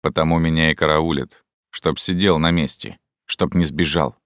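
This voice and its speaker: A man reading an audiobook voices a weary, secretive middle-aged male scientist, talking quietly, slowly and with resignation. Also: very deep voice, steady tone, no room sound. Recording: dry close studio sound.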